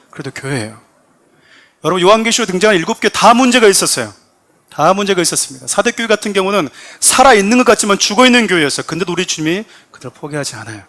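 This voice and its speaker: Higher-voiced male pastor preaching. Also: a bit bright. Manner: addresses the congregation directly, acts out quoted voices with rising emphasis. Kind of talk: sermon. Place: church sanctuary.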